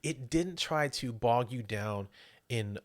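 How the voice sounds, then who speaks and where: A man's voice: mid-range voice, takes it slowly, no room sound. Profane rambling podcast man, dry mic. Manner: rambling, profane, laughs often while recapping. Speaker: podcast co-host. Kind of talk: casual movie review chat.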